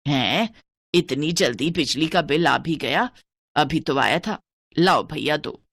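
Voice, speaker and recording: A woman's voice: low voice, lively intonation, slow pace, a bit bright, pitched below the performer's own voice, full character voice. A woman voicing a stingy, cunning middle-aged mother-in-law who scolds and bosses her household. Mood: irritated. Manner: scolding, bossy, penny-pinching. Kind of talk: dubbed village skit dialogue.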